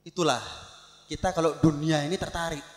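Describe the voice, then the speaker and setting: A man preaching a religious sermon, telling stories with animated voices for the people in them. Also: fairly high pitch, a little fast. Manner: animated storytelling, acts out shouted calls. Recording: echoey hall with long reverb.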